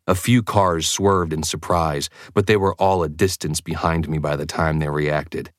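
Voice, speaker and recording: A man reading a first-person audiobook in a measured, intense storytelling manner. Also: rumbling low, steady tone, no room sound, clean studio sound. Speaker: audiobook narrator. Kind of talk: scripted first-person narration.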